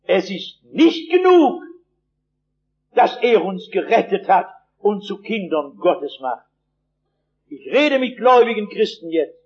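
A male preacher delivers a sermon in a high voice. He tells his stories vividly and emphatically, with dry humor. The old recording sounds dull and lo-fi. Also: very animated, takes it slowly, pauses often.

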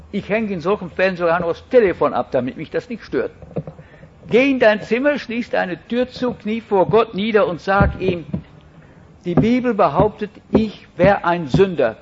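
A man preaching a sermon in an earnest, emphatic way, with slow, deliberate phrasing and dramatic pauses. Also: sits high, animated, slight background noise. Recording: dull lo-fi recording.

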